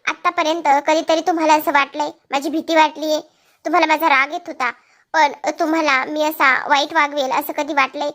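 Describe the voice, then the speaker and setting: A woman's voice: high voice, level tone, a little fast, fairly bright tone. A woman voicing a young husband who reproaches his wife in anger. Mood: reproachful. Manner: reproachful, bitter. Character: hurt, angry young husband.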